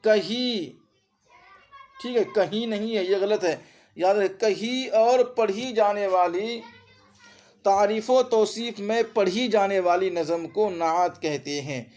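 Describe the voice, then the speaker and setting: A man with an Indian Urdu accent drills exam-oriented grammar, repeating terms and quizzing the class briefly along the way. His voice is high-pitched with a darkish tone.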